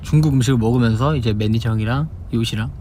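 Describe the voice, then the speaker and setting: This is a young man from Busan, South Korea, talking fast at medium pitch as he hosts an idol livestream, casually answering fan questions and demonstrating dialect phrases. He has a Busan Gyeongsang Korean accent, and steady car noise is audible behind him.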